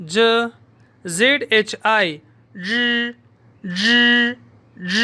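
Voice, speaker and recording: A woman teaching pronunciation, speaking slowly and deliberately and repeating each sound several times in drills. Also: mid-range voice, sharp tone. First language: Urdu. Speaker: language teacher. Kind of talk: pronunciation lesson with drilled repetitions.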